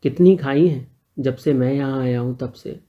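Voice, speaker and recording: A man voicing a gentle, joking neighbor who is a little older and talks calmly and reassuringly. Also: mid-range voice, normal speed, muffled recording, lightly acted.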